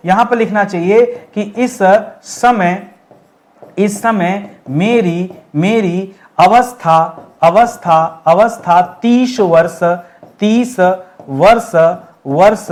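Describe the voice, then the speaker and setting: A man teaching an exam lesson, repeating words slowly while writing and asking and answering his own questions. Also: high voice. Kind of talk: classroom-style lesson.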